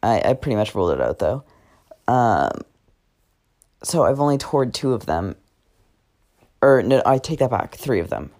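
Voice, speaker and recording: A man's voice: medium pitch, big pitch swings, moderate pace, pauses often, a little mellow. A teenage guy talking casually in a diary-style podcast, rambling with many fillers and self-corrections. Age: teens. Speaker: podcast host.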